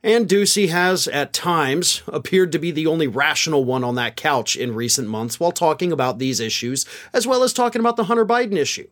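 A man's voice: fairly high pitch, fairly bright tone. A man delivering political news commentary in an incredulous, sarcastic, exasperated way. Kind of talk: scripted-sounding news commentary.

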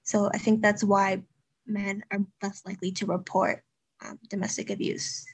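A woman's voice: medium pitch, little pitch movement, moderate pace, husky. Young woman in podcast discussion. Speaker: youth podcast presenter. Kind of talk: conversational discussion.

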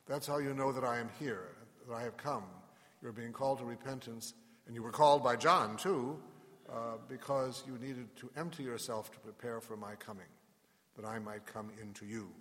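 A male priest speaks from inside a big church, his words trailed by long cathedral echo. His voice sits at a medium pitch. He reads and preaches solemnly and deliberately, setting off phrases with weighty pauses. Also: fairly bright tone. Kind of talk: liturgical Gospel reading and homily. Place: large reverberant church. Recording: long cathedral-like echoing reverb.

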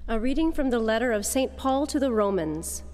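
A woman reading scripture aloud as a lector, formal and deliberate, in an echoing cathedral-like church. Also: a little high, lively intonation, darkish tone. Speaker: lector at Mass. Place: large reverberant church. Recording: long cathedral echo, large reverberant church.

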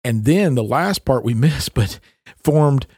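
A man's voice: medium pitch, animated, a little slow, darkish tone, slightly rough, no echo. A man with a mid-range voice, co-hosting a Bible discussion in an explaining, teacherly way. He leans on key phrases of the verses he reads and ties them back to his point. The recording is dry and close. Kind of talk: casual Bible study discussion.

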